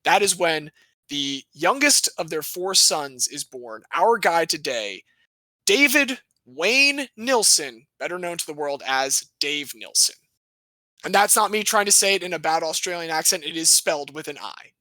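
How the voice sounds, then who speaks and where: A man co-hosting a podcast, telling a sports history story in a playful, animated way with jokey asides. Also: on the high side, measured pace, no echo, low-quality recording. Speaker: podcast co-host.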